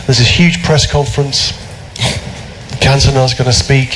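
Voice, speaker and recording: A British man, a philosopher as guest at a public talk, speaking in an animated, chatty storytelling way with many fillers and restarts. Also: mid-range voice, unhurried, slight background noise, poor audio. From Britain.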